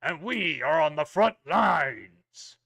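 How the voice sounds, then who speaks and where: Man playing a booming, stern royal warrior king. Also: animated, takes it slowly, gravelly, bright, forceful tone, no room sound, exaggerated voice. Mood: solemn, regal. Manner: grand, proclaiming, regal. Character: stern, royal, booming knightly monster ruler.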